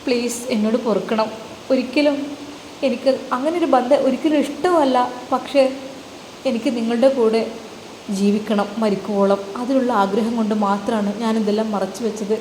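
A woman's voice: fairly high pitch, normal speed, darkish tone, roomy sound, long reverb tail, slight background noise, natural voice, low-quality recording. A woman voicing a frightened young pregnant wife who pleads tearfully with her husband. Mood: pleading fearful.

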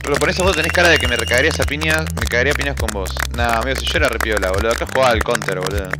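Man, young, Argentine accent, casual streamer chat, rambling, swearing, mid-pitched voice. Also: rapid-fire, heavy background noise. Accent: Argentine Spanish. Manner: slangy, loose, swears often, rambling. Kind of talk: casual chat reading a live chat. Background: background music.

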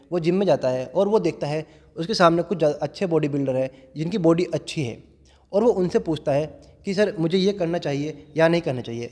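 A man's voice: a little high, dark tone. Young man in an echoing gym. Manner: earnest, explanatory, addresses viewers as friends. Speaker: fitness YouTuber, gym owner. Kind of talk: explainer vlog to camera. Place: large indoor gym. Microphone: clip-on lapel mic held in hand. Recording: long reverb of a gym hall.

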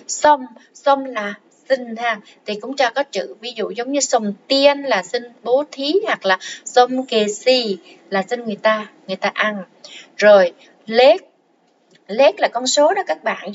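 A woman with a slightly high voice teaches a language lesson, going through song lyrics one word at a time. She repeats each term slowly and patiently, with plenty of fillers. The recording is dull and lo-fi with a faint hiss behind her.

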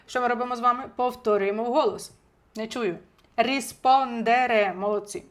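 A woman teaching an online language lesson from home, chatty and lively, talking straight to her viewers, a little under the weather. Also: fairly high pitch. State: recovering from illness, clears throat. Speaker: Italian teacher. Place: home, indoors.

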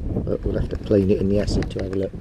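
Speaking fast in a deep, creaky voice with a completely flat delivery, a man casually narrates beach metal detecting to a head-mounted camera. He chats and rambles while digging, and the wind-battered recording carries wind and sea noise.

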